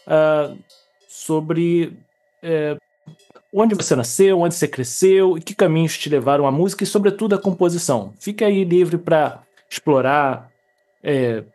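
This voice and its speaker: A co-host of an interview on a video call reads a guest's bio and then asks questions, sounding hesitant with many fillers and restarts. His voice is a little high with a dark tone.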